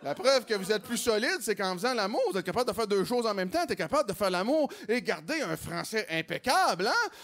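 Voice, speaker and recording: Québécois comedian guy, high voice, animated stand-up, acts out the voices. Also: a little fast. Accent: Québécois French. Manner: animated, acts out quoted voices with big pitch jumps.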